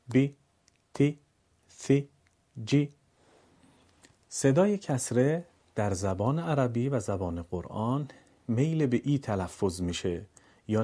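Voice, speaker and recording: Husky-voiced man teaching Quran reading. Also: on the low side, warm tone. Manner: stretches syllables slowly when demonstrating words. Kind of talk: instructional lesson with recited examples.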